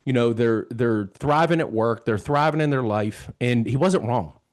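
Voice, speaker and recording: A man in his fifties hosts a show, telling a personal story in a casual yet earnest way and retelling dialogue along the way. He speaks at a normal speed with a medium-pitched voice.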